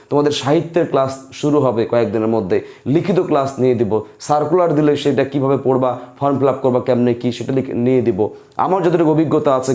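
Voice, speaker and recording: A man's voice: fairly high pitch, warm tone. A man teaching an online grammar lesson, repeating each point and quizzing his students.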